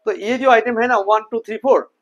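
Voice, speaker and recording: In this classroom lecture, the teacher's very high male voice moves fairly quickly, with the highs cut off. He switches between English and Hindi, quizzing students rapidly and repeating key terms as they call back.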